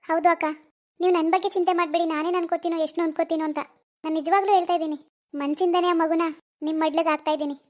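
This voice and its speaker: Woman doing squeaky cartoon mother Pooja. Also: steady tone, very fast. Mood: insistent. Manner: soft, reassuring, insistent. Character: young village mother, gentle and self-giving. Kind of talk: animated cartoon dialogue.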